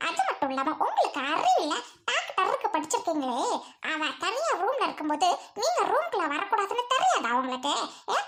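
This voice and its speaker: A jealous young wife in a home-made drama, put on by a woman in a lower voice. She taunts and mocks with scornful sarcasm. Her voice still sits high. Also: huge pitch swings, a little fast, bright, forceful tone, heavily acted. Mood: taunting. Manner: mocking, sarcastic, scornful laughs.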